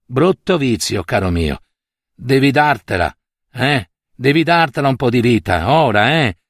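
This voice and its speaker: A man voicing a gruff, scornful old landowner in an audiobook story, brusque and commanding. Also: medium pitch, animated, a little slow, no echo, studio quality.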